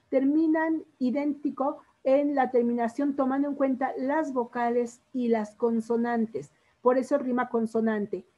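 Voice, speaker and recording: A woman teaching a literature lesson on poetry, patiently quizzing her students and drawing out syllables. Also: high voice. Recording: dull lo-fi classroom recording.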